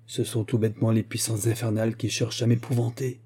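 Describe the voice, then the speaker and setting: A man's voice: lowish voice, flat delivery, fast talker, dark tone, slightly rough. A man voicing a frightened, grumbling old grandfather in a told folk tale, muttering his lines.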